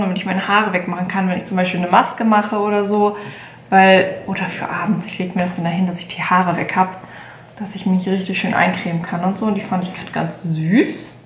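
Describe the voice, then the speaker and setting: A woman in her late twenties talks through a shopping haul in a relaxed, rambling way, full of little fillers and self-corrections. Her voice sits at an ordinary middle pitch. It is recorded by a camera at desk distance in a room with a clear echo and a faint hum of room noise. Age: 20s. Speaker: beauty vlogger. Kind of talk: casual haul vlog. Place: bedroom at home, indoors.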